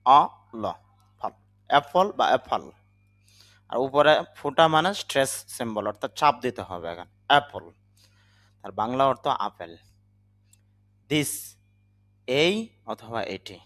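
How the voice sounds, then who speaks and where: This English teacher is a man with a Bangladeshi accent whose native language is Bengali. His voice is medium-pitched and a bit bright, and he gives a patient spoken lesson, spelling words out letter by letter.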